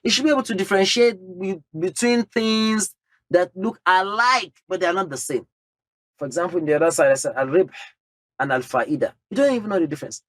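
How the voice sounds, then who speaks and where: A man's voice: high voice, lively intonation, brisk, dry recording. A man giving a religious lecture, speaking emphatically, laying out numbered points and sprinkling in Arabic terms. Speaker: Islamic teacher.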